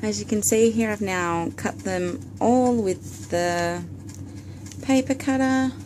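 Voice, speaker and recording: A woman's voice: medium pitch, slow, a little mellow, slight background noise. An Australian woman filmed on a phone video in her bedroom at night, chatting through a step-by-step DIY craft tutorial with frequent ums. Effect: recorded on a phone video. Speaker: vlogger. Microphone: phone camera.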